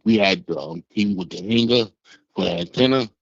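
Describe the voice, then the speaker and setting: A man in his sixties calling in over the phone, telling a rambling, halting story from years past. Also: fairly low pitch, vocal fry, no echo. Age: 60s. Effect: heard over a phone line. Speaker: caller. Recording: muffled phone line.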